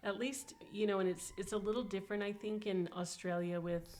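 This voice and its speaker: A woman's voice: medium pitch, steady tone, brisk, a little mellow. A woman, an occupational therapist co-hosting a podcast, talking in long, reflective, winding sentences. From United States. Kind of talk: casual podcast discussion.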